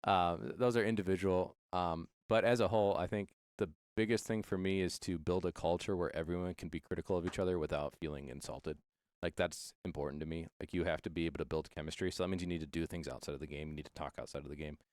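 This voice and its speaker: Deep voiced guy coaching esports, quick earnest chat, dry close mic. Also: steady tone, a little mellow, smooth, no room sound. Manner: earnest and reflective, many fillers and restarts. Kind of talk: casual interview.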